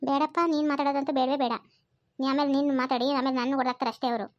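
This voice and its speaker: A woman voicing a young female college student who pleads and scolds in rapid bursts. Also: high-pitched, fairly even intonation, dry recording, lo-fi sound, close to an everyday voice. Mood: urgent.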